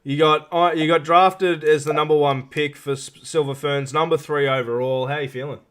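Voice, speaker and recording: A man's voice: fairly high pitch, fairly even intonation, normal speed, a bit bright, clear, resonant tone. A man hosting a casual live interview show, matey and informal, feeling his way through questions.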